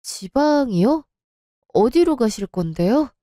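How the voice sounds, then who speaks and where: A woman's voice: on the high side, sing-song, slow, mellow, no room sound, studio quality. Woman voicing a distraught young wife. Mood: worried. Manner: pleading, emotional.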